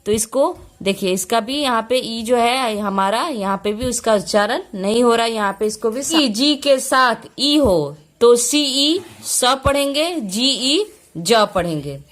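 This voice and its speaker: A woman teacher, patiently explaining pronunciation rules, repeating each point and spelling out letters slowly. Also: on the high side, animated. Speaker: English teacher.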